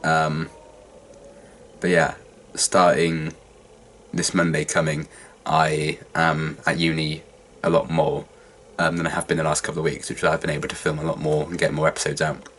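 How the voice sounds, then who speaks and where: A young man chatting casually to viewers as a reaction vlogger, husky and congested with a cold and sore throat, sounding worn out and hungover. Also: extremely low pitch, level tone, normal speed, fairly bright tone, slight background noise. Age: young adult.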